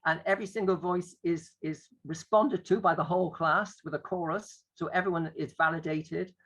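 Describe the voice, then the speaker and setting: A man's voice: fairly high pitch, fairly even intonation, normal speed, a bit bright, low-quality recording. A man who teaches drama, explaining a classroom exercise in a conversational, playful way and often acting out what the teacher says. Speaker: drama educator.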